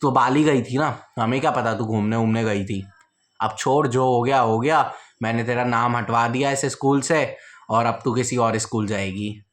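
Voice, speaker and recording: A young man voicing a stern, calm middle-aged father who speaks flatly and curtly in a storytime video. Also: medium pitch, moderate pace, close to an everyday voice. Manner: flat, curt.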